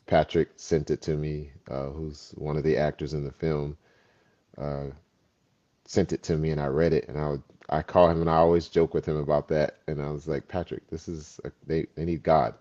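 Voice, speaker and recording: A man's voice: very deep voice, level tone, normal speed, dark tone. A man, an actor, reflecting and telling stories in a casual conversation. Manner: reflective, storytelling. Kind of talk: casual chat. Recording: dull lo-fi sound.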